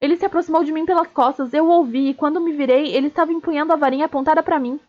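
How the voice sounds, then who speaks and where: A woman's voice: sits high, fairly even intonation, very fast, natural voice. Woman reading as a gasping, indignant teenage rival. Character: teenage boy rival champion, rattled but proud. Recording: dull lo-fi stream audio.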